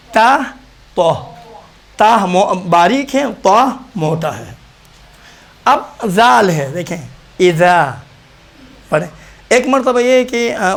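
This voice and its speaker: A man teaching Quran recitation in Pakistani-accented Urdu, sounding out letters again and again before he explains how to say them. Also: high voice. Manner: demonstrates letters by repeating them, then explains. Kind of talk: practical pronunciation lesson.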